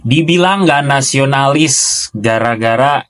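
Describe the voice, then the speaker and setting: A man's voice: mid-range voice, takes it slowly, fairly bright tone. A man narrating an explainer video in an informative way, asking viewers for their opinions. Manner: informative, asks viewers questions.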